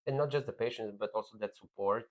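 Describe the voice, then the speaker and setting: Serbian-accented man, low and muffled. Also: fast. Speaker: podcast guest, business owner. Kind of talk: casual chat.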